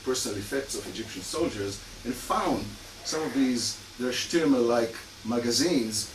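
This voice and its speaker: With a medium-pitched voice at normal speed, a criminologist carrying a Hungarian and Israeli accent delivers an academic lecture heavy on fillers and dry asides. Sound from the lecture room is echoey and noisy, recorded from afar.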